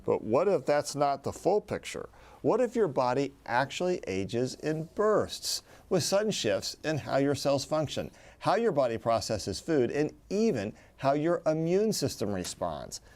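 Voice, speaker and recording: A man's voice: medium pitch, sing-song, a little slow, a little mellow. A man hosting a health talk show as a hospital's chief medical officer, with self-deprecating asides.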